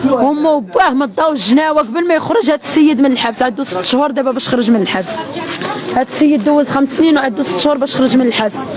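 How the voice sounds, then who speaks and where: Distraught Moroccan woman, angry crying, high-pitched. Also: expressive, very fast. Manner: distraught, angry and tearful, insistent, repeating phrases. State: crying, upset. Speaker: bereaved widow giving an eyewitness account. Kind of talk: emotional street testimony to an interviewer. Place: outdoors in a residential street. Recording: outdoor street recording with loud crowd.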